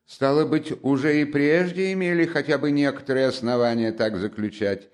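A man reading an audiobook, voicing a pompous middle-aged official who speaks quietly and with cold politeness. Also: medium pitch, moderate pace, voice pushed up, close to an everyday voice. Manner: quiet, prim, coldly polite.

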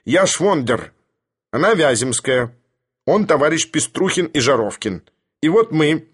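A combative committee chairman presses his demands in a raised, higher voice, as a man reading aloud plays him. The voice is husky and the delivery pushy and indignant, held in barely restrained anger. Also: big pitch swings, a little slow, exaggerated voice. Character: resentful male house-committee chairman, combative. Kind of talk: audiobook character voice.

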